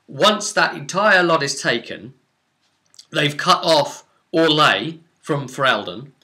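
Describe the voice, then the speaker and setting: Slightly high, bright, and forceful, a man's voice narrates a tabletop fantasy game from the game master's seat. He frames it as a story and pauses for rhetorical asides to his listeners.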